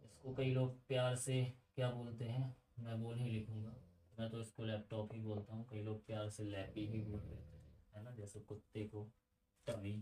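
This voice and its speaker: A man's voice: lowish voice, fairly even intonation, moderate pace, mellow, distant mic. Chatty man teaching in an echoey room. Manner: chatty, asks students questions and digresses. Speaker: computer teacher. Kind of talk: casual classroom lesson.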